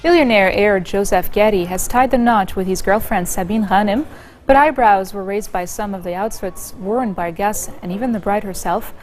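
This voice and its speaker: A woman anchors a news bulletin, reading her script in a steady, measured way. Soft music plays faintly behind her, and her pitch sits right in the middle for a woman.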